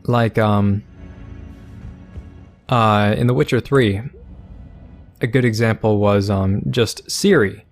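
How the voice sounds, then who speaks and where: A man's voice: lowish voice, fairly even intonation, soft background music. Rambling let's play host, man. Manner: rambling, halting, searching for words. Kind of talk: casual gameplay commentary.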